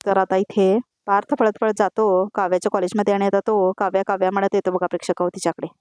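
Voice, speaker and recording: A woman's voice: medium pitch, little pitch movement, fast talker, a little mellow, clean tone, no room sound. Woman narrating a TV episode recap. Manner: repetitive attributive narration.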